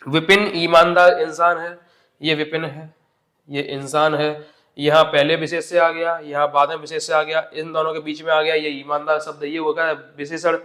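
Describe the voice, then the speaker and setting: A man's voice: on the high side, completely flat delivery, normal speed, a bit bright. A man teaching an exam-prep grammar lesson step by step, asking questions and answering them himself.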